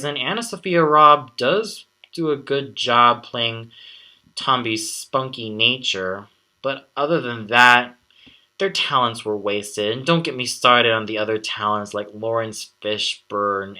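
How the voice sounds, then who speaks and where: A man giving an exasperated, sarcastic film review, swearing often and pausing to collect his thoughts. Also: mid-range voice, bright, forceful tone.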